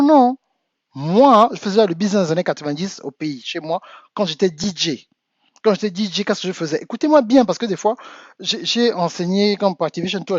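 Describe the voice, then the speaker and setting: A man from Africa, a business coach, speaks in a high-sitting voice from his home in the United States. The audio is dull with no echo. His talk to the audience is insistent and builds into emphatic exhortation.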